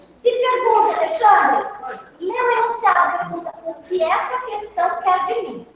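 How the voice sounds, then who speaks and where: A woman's voice: very high voice, normal speed, fairly bright tone, slight background noise. A woman with a Brazilian Portuguese accent teaching a Portuguese class, affectionate with her students and often checking that they follow. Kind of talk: online class lesson. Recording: long reverb.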